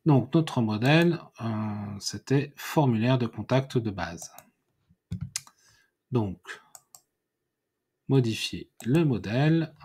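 A man giving a screen-recorded software tutorial, thinking aloud and correcting himself as he clicks through menus. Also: medium pitch, lively intonation, slightly rough. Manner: unhurried, thinking aloud with many fillers and self-corrections. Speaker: WordPress tutorial instructor.

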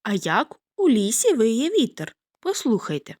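A woman preschool teacher giving a scripted literacy lesson, talking gently to small children and drawing out the vowel sounds. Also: a little high, wildly swooping pitch, measured pace.

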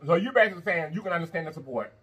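A man in his thirties with a husky voice, chatting casually as he hosts an eating show. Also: on the high side, expressive, rapid-fire, fairly bright tone, muffled recording. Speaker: mukbang show host. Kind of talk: casual chat while eating. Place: indoor studio, seated at a table of food.

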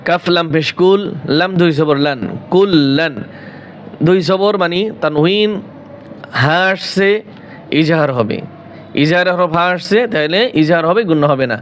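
High-voiced man teaching Quran recitation. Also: a little hiss or hum. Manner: drawn-out melodic recitation between quick explanations; asks questions then answers them himself. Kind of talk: spelling out and reciting Quranic words.

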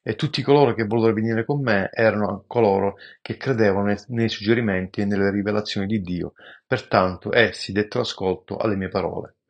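A man with a lowish voice reads scripture aloud. His delivery is slow, measured and devout, an amateur reader who now and then stumbles and restarts a word. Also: gravelly, dull audio. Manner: slow, measured, reverent reading with occasional stumbles. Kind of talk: devotional scripture reading.

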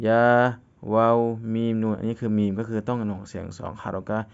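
Low, flat-voiced man teaching recitation. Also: fairly quick, creaky, highs cut off. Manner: recites a phrase, then breaks it down patiently. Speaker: Quran reading teacher. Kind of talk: step-by-step recitation lesson.

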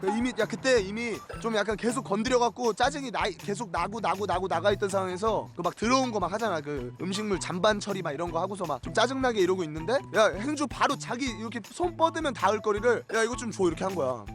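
A young man in his twenties, a streamer telling a casual story and acting out the voices of the people he quotes. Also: high voice. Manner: animated, acts out quoted voices. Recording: music bed under voice.

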